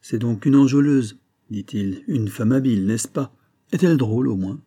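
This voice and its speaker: A man's voice: mid-range voice, normal speed, mellow, slightly rough, dry recording, studio quality, lightly acted. A man voicing a vain, blustering older banker who lectures his son in a familiar, exasperated tone. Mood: teasing, familiar. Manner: familiar, then scolding and exasperated.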